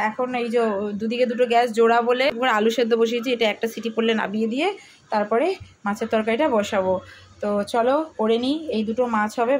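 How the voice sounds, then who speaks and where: In a home vlog, a woman with a slightly high voice chats casually with her viewers as she walks them through her cooking and errands. Background music plays under her voice, with slight background noise.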